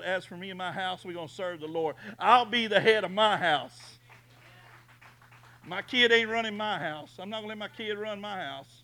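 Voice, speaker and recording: A man preaching a booming motivational sermon as a pastor, emphatic, folksy and repetitive in his exhortation. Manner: emphatic, repetitive exhortation, swinging from hushed to shouted.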